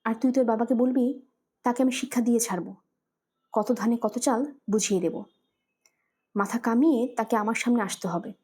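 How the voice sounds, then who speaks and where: A woman's voice: on the high side, moderate pace, pauses often, slightly rough. A woman voicing an angry middle-aged mother who scolds her daughter over the phone. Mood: furious. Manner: sharp, scolding.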